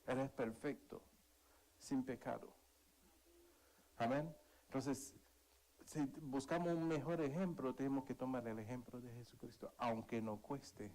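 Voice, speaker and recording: A man's voice: mid-range voice, unhurried, pauses often, darkish tone, low-quality recording. Male preacher, earnest, sermon with a personal story. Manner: earnest, calls for amens, tells a story.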